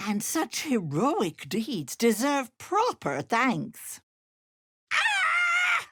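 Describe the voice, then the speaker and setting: An actress playing a wicked old hag who poses as a kindly auntie in a video game, sly, wheedling and sharp-tongued, with sugary endearments. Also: female voice, medium pitch, slightly rough, heavily acted. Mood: sugary, coaxing, then angry, threatening. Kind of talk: game voice acting, theatrical.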